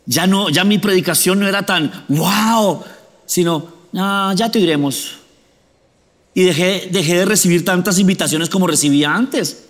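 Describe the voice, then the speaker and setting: A man's voice: high-pitched, normal speed, in a large hall. A male pastor preaching a sermon conversationally, often asking the congregation questions.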